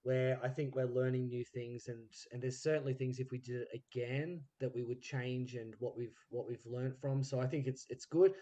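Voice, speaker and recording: A podcast host and interviewer with a mid-range, slightly mellow voice chats casually, recorded remotely on a phone. He tells anecdotes animatedly, acting out the quoted dialogue within them.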